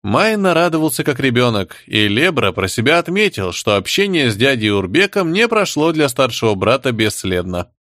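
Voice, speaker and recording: A man reads a fantasy audiobook aloud in a lively voice that swings widely in pitch. He voices the female figures higher than his own voice. The sound is dry and close, with no room echo. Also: moderate pace, hardly any pauses. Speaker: audiobook narrator. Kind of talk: scripted narration.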